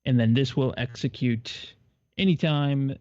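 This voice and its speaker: A man co-hosting a live coding show, relaxed and a little hesitant as he guides his partner step by step. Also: medium pitch, unhurried, no room sound. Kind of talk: casual coaching during live coding. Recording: slightly muffled, dry mic.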